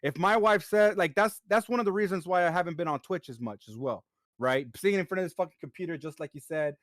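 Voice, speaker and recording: A man's voice: sits high, fast talker, no echo, clean studio sound. A man co-hosting a podcast, talking earnestly and rambling, with a lot of swearing. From United States. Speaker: podcast co-host. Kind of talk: casual chat.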